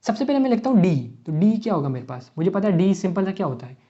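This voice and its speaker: Man teaching physics, mellow and muffled. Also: high voice, big pitch swings, quick pace. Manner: asks rhetorical questions and answers them step by step; mixes English math terms into speech. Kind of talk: exam-prep lecture worked on a board. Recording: dull lo-fi sound.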